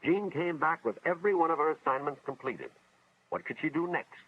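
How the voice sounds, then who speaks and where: A man's voice: a little high, brisk, slight background noise, natural voice. An American man acting as an earnest school official, narrating a 1950s educational film in a dramatic, moralizing storytelling style. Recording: dull vintage film soundtrack, music behind.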